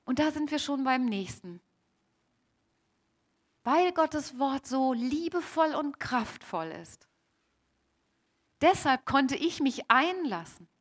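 Playing Mary as a young and devout woman, this preacher delivers a slow, emphatic first-person sermon, circling back to key phrases and speaking straight to the congregation. Her high voice is expressive and her mood earnest.

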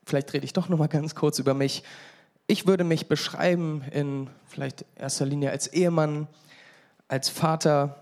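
A man's voice: fairly high pitch, fairly even intonation, moderate pace, a little mellow. A pastor in his thirties from England giving a conversational sermon, joking with the congregation now and then. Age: 30s.

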